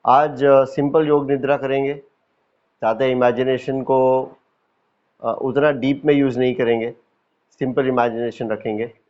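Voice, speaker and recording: A man with an Indian accent leading a guided yoga nidra meditation as a teacher, calm and instructive, with deliberate pauses and repetition. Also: mid-range voice, muffled recording.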